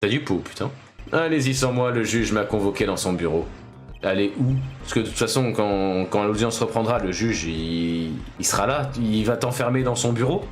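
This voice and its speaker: A man streaming video games, chatting casually, reacting with quick jokes and frequent swearing. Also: fairly low pitch, faint music behind. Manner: reactive, swears, jokey asides. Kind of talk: casual gaming commentary.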